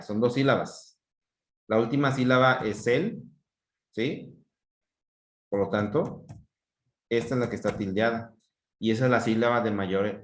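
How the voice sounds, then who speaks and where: A man with a Mexican accent teaching a Spanish grammar class, explaining patiently and checking often that students follow. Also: fairly low pitch. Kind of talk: online class lesson. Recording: echoey room.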